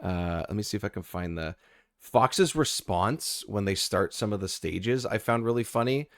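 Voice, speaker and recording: A man's voice: fairly low pitch, animated, moderate pace, fairly bright tone, no echo, studio quality. A man chatting casually on a gaming podcast, rambling with lots of ums and frequent laughter. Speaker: podcast panelist.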